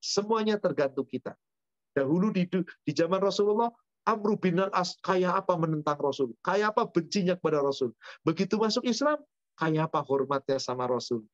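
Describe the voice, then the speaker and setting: A man's voice: high voice, lively intonation, normal speed, dry recording. A man teaching at a religious study session, answering questions with rhetorical questions and spoken lists. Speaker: Islamic teacher. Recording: dull dry lo-fi sound.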